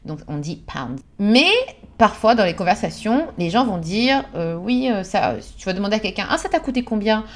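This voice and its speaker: A young woman from France talks through British slang in a relaxed vlog. She is chatty and lively, breaks into quick English examples, and laughs at her own slips. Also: mid-range voice. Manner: chatty, animated, acts out short English examples and laughs at herself. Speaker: vlogger teaching British English expressions. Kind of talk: casual explanatory vlog.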